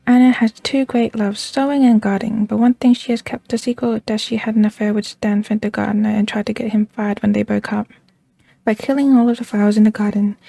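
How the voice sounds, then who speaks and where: A woman's voice: mid-range voice, fairly even intonation, a little fast, creaky, warm tone, no room sound, faint music behind. A woman voicing a gossipy game villager who confides other people's secrets while claiming not to gossip. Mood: confiding, gossipy. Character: gossipy villager, eagerly spilling a noble family's secrets. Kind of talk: read-aloud game character dialogue.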